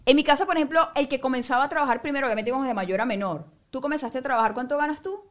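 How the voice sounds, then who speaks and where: Fast-talking Venezuelan woman telling stories. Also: sits high. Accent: Venezuelan Spanish. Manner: animated storyteller, laughs often. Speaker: guest. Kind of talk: casual podcast conversation.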